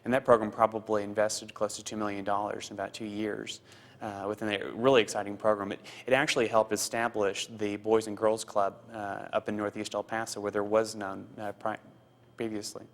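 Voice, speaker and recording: Guy in his 30s from costa rica, lowish voice, pretty flat, lots of uh's answering interview stuff. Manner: earnest, halting with many uh fillers and repeats. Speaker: foundation program officer. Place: office.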